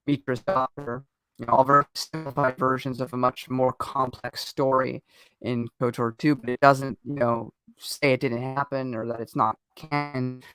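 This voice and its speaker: Man, casual rambling chat, smooth clear voice, faint music behind. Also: mid-range voice, flat delivery, moderate pace, bright, forceful tone, no echo, low-quality recording. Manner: digressive, restarts a lot.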